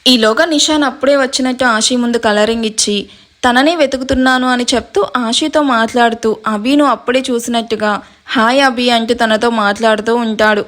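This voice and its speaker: A woman storyteller narrating a romantic story in a lively reading style. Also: fairly high pitch, a little fast. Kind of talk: scripted narration.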